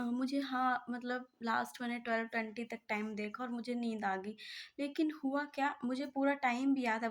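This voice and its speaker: A young woman vlogger telling a personal story casually, chatty and rambling with many fillers and restarts. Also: fairly high pitch.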